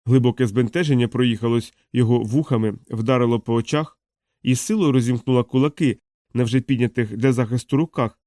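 A man narrating an audiobook in a steady, expressive storytelling voice. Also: mid-range voice, dry recording, clean studio sound. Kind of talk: audiobook reading.

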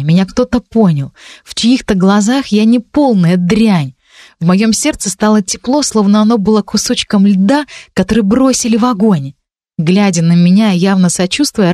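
A woman's voice: mid-range voice, darkish tone, no echo. Woman narrating an audiobook, dry close voice.

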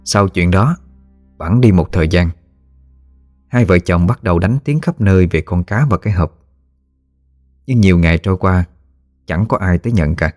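A man reads a ghost story aloud in a measured, somber voice. His voice is very low and deep, and he keeps a steady storytelling pace. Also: faint music behind. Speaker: narrator. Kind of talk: scripted horror story narration.

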